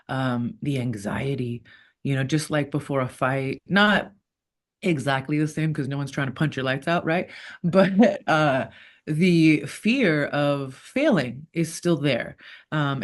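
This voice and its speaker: A woman's voice: low-pitched, slow pace. Chatty woman, rambling and laughing. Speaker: guest, former fighter turned actor. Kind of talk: casual interview talk.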